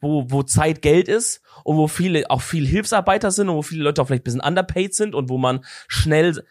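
A man's voice: on the high side, brisk, no echo, studio quality. A young man co-hosting a podcast in casual chat, slangy and swearing as he tells stories with animation. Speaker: podcast co-host.

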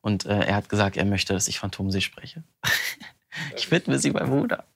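A man, a voice actor, chatting animatedly in an interview, talking in quick bursts and often laughing. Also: on the low side, expressive, vocal fry, fairly bright tone. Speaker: voice actor interviewed about his audiobook. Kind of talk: casual interview answers.

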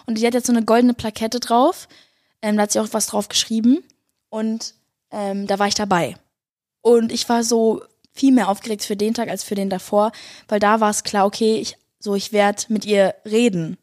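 A young woman, a singer and vlogger, excitedly telling her viewers a story, gushing and breathless, mixing English slang into her German. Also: mid-range voice, normal speed, dry recording, studio quality.

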